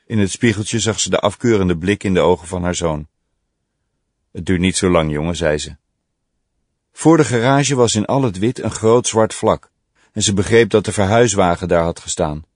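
Male audiobook narrator, measured and deliberate, lowish voice, dry close sound. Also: darkish tone, dry recording.

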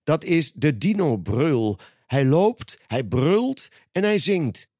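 A beaming fox shopkeeper greets customers in a raised, perky voice, as a man reading a storybook puts him on. The voice is mellow and dry, recorded close. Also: fairly high pitch, big pitch swings, takes it slowly, no room sound, pitched above the performer's own voice, full character voice. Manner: beaming, salesman-like. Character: cheerful adult male fox shopkeeper.

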